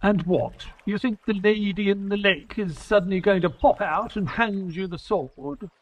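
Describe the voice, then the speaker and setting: An actor playing Doctor Watson in an audio drama, the skeptical, grumbling companion of a detective who also narrates, with a husky, expressive delivery. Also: male voice, high voice, normal speed, highs cut off. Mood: exasperated. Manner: exasperated, expressive storytelling.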